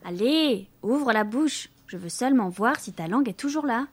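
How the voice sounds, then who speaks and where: Bossy little French girl, voiced by a woman, storybook, halting English, slightly high voice. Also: expressive, breathy edge. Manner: halting, stumbling English, pleading. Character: bossy young French girl, cheeky with her brother. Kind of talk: audiobook character voice.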